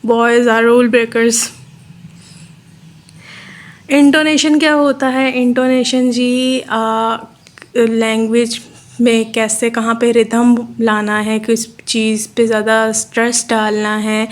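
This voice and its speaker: A woman from Pakistan with a Pakistani accent, giving a steady, explanatory lecture and repeating her points. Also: fairly high pitch. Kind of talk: explaining a lesson in Urdu mixed with English terms.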